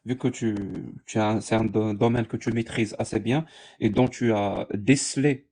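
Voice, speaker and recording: A man's voice: lowish voice, steady tone, moderate pace, darkish tone. A man debating informally on a live stream, sardonic and insistent, restating his points and questions.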